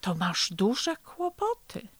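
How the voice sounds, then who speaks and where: A woman voicing a friendly young boy bear who talks in a breathy, surprised way in a storybook. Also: mid-range voice, wildly swooping pitch, takes it slowly, no echo, full character voice.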